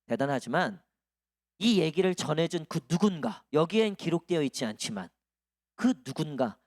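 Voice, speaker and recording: A man's voice: fairly high pitch, no room sound, studio quality. A male pastor delivering a sermon in a conversational, storytelling way to his congregation. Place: church sanctuary.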